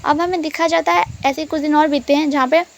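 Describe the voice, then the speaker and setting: A woman's voice: high-pitched, steady tone, quick pace, a little hiss or hum. A woman casually retelling a story in a chatty way, mixing in English words.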